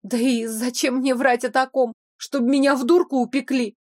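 A woman reading an audiobook, voicing a defiant young heroine from another world who talks quickly and sharply. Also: sits high, steady tone, a little mellow, no echo, clean studio sound. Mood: bitter.

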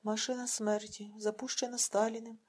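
A woman's voice: on the high side, moderate pace, breathy edge. A woman voicing an agitated, defiant male village party organizer speaking out fiercely. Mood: agitated speech. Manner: excited, fierce.

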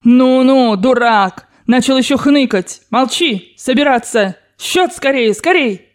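A woman's voice: fairly high pitch, moderate pace, a little mellow, natural voice. A woman voicing an imperious, scolding old Russian grandmother in an audiobook, barking abrupt commands. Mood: commanding. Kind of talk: audiobook narration.

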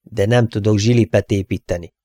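Curt, commanding cowboy hero for an audiobook, read by a male narrator; low-set voice, dry close sound. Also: fairly even intonation, mellow, no echo, close to an everyday voice. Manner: terse, commanding. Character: tough young cowboy hero giving curt orders.

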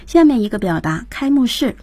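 A woman's voice: a little high, big pitch swings, a little fast, darkish tone, slightly rough, no room sound. A woman co-hosting a radio English lesson, introducing each new word and summing up what the teacher said. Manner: prompts the next word and recaps the teacher. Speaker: radio co-host. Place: radio studio.

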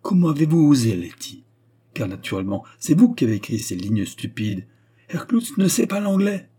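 Stern, reproachful young woman, raised and sharp in pitch, done by a male reader; warm, husky tone. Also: sing-song, moderate pace. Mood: indignant. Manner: scolding, severe and reproachful. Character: stern indignant young woman of twenty-five. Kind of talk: audiobook character voice.

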